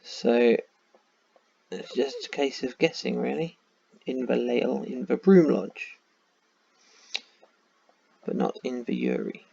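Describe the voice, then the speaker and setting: A man's voice: medium pitch, big pitch swings, takes it slowly, creaky, long pauses, darkish tone, breathy edge. A man with a tired voice, thinking aloud in casual commentary while playing a map game. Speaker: game streamer. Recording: dull lo-fi sound.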